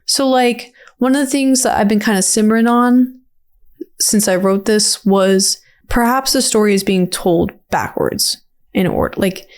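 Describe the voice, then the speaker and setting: A woman who creates and hosts videos rambles casually about a video game trailer, her speech playful, slangy and heavy with fillers. She speaks a little slowly at a medium pitch.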